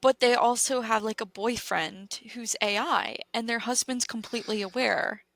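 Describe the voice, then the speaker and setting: Bright, giggly young woman co-host. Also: on the high side, moderate pace, dry recording, poor audio. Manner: animated, giggly, trails off mid-sentence. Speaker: podcast co-host. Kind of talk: casual chat.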